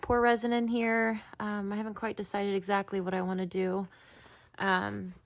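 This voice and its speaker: A woman's voice: mid-range voice, level tone, normal speed, a little hiss or hum. A woman chatting casually about her craft work, rambling and humble, with many ums and restarts. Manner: humble, apologetic. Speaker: craft video maker. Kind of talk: casual chat while crafting.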